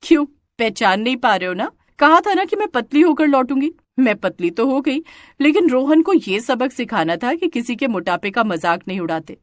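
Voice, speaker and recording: A woman's voice: high voice, animated, normal speed, no echo, pitched above the performer's own voice. A woman voicing a proud young woman in a cartoon story, triumphant and lecturing. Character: proud young woman who taught a lesson.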